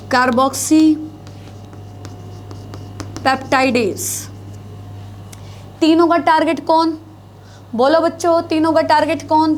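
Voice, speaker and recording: Teaching biology in a mix of Hindi and English, a woman poses questions to her students, answers them herself, and repeats key terms while writing on the board. Her voice sits high, with slight noise in the background.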